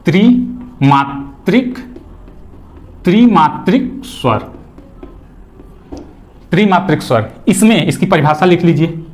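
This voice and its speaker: A man's voice: fairly high pitch, lively intonation, measured pace, long pauses. A male teacher giving an exam-prep grammar lecture, repeating key words, asking questions he answers himself and drawing vowel sounds out long to demonstrate them.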